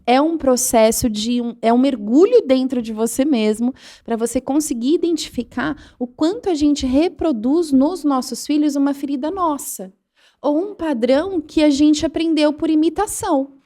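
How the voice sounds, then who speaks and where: A woman's voice: sits high, moderate pace, warm tone. A woman in her thirties with a Brazilian Portuguese accent, a parent educator who tells her story earnestly as a guest in a podcast studio. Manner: earnest storytelling, acts out quoted lines. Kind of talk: interview conversation.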